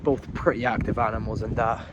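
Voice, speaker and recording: A young Scottish man vlogs his day trip outdoors, wandering through a windy coastal town and city streets while chatting and rambling, with the odd swear word. His voice is on the low side, steady in tone and fairly quick. The phone recording is noisy and the audio sounds dull.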